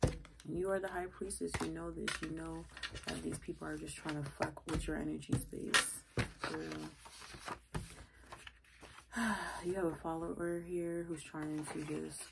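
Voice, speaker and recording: A woman's voice: low voice, level tone, unhurried, vocal fry, pauses often, heavy background noise. A woman giving a casual tarot reading to her viewers, blunt and full of cursing, her voice sounding off from its usual self, recorded on a phone. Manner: blunt, cursing, repeats "all right?". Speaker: tarot reader.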